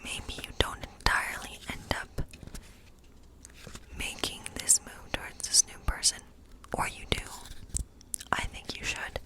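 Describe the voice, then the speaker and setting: A rough recording captures a woman whispering, soft and breathy and a little slow, as a friendly witch in ASMR role play. She rambles casually through a tarot reading, keeping things encouraging.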